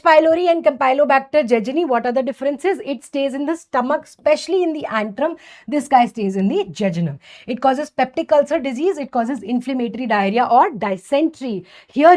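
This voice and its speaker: A woman's voice: high-pitched, a little mellow. A woman with a North Indian accent teaching a medical lesson, asking and answering her own questions, checking in often and slipping Hindi phrases into English. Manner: didactic, asks and answers own questions, frequent check-in tags like okay and right. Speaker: medical lecturer. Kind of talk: exam-focused microbiology lesson.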